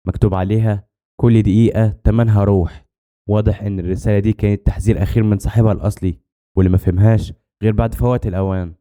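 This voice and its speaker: Very fast, dark-voiced Egyptian narrator. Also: male voice, on the low side. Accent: Egyptian Arabic. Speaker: horror story narrator. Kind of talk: scripted first-person horror narration.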